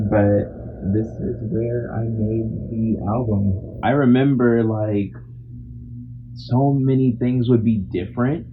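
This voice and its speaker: A young man giving a sheepish, chatty tour of a cluttered bedroom, filmed on a phone camera. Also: lowish voice. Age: young adult. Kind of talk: casual room-tour vlog. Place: cluttered bedroom storage room. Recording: tinny phone-like sound with faint hiss.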